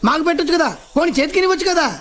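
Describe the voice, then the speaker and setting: An actor playing a whiny, complaining comic sidekick in a film. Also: male voice, very high-pitched, rapid-fire, a bit bright. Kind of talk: film dialogue. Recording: film soundtrack with music.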